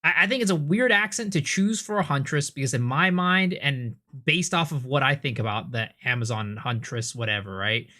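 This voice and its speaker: A man streaming live games and reacting to clips, animated and prone to stammering and repeating words when he gets excited. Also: medium pitch, normal speed, hardly any pauses. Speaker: game streamer.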